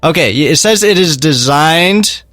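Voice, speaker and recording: A man's voice: on the high side, a little slow, dry recording, clean studio sound, soft background music. A young man co-hosting a let's play, chatting casually and jokily while he thinks through a mystery game, laughing often. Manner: animated, jokey, laughs often. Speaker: let's play co-host and editor. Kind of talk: casual gameplay chat.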